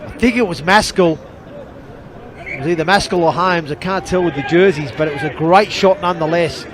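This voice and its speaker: A man's voice: on the high side, fairly quick. A man giving chatty expert analysis alongside a rugby league match, breaking down each play. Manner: chatty, explains plays, shouts at big hits. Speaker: co-commentator. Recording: crowd noise behind.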